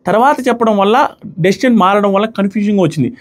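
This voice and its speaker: A man giving a casual, animated review of a reality show, mixing English words into his talk. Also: high voice, fast talker. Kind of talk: casual commentary.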